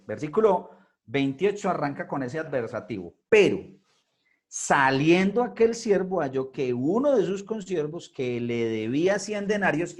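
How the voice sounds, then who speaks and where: Conversational teacher. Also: male voice, mid-range voice. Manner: conversational, often checks in with listeners. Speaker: Bible teacher. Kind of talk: online Bible class. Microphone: video call.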